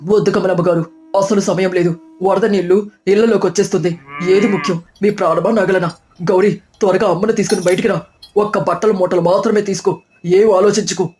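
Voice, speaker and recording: A woman voicing a humble village man who speaks firmly and earnestly, lower and louder than her narration. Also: steady tone, a little fast, soft background music, lightly acted. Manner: firm, earnest.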